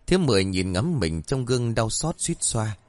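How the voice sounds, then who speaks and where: A man narrating a ghost story with expressive delivery. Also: medium pitch, moderate pace, no room sound.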